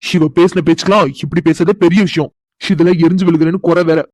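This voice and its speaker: A man voicing a hurt, angry young man in a cartoon, scolding fast and bitterly. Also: high-pitched, little pitch movement, lightly acted. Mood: resentful. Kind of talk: cartoon voice acting.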